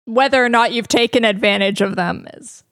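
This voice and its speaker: A woman's voice: on the high side, brisk, a bit bright, no room sound, clean studio sound. A woman co-hosting a trivia podcast, chatting casually and stating her views firmly. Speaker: podcast co-host. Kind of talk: casual chat.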